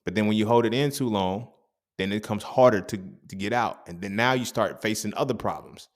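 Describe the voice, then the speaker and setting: A young man with a fairly low voice talks straight to his listener in a loose, profane monologue. He drives his points home with emphasis and keeps asking whether you feel him. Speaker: podcast host. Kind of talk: casual motivational monologue.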